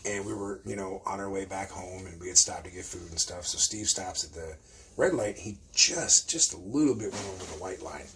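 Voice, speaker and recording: A man's voice: low-pitched, fairly quick, pushed and bright, a little hiss or hum. A man hosting a podcast, telling a rambling story with plenty of swearing. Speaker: podcast host. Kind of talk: casual storytelling chat.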